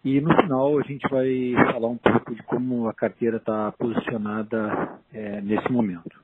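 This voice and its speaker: A man with a Brazilian accent giving an unscripted business presentation as an investment officer, halting and explanatory. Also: mid-range voice, little pitch movement. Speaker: investment fund chief investment officer. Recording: noisy narrow phone line.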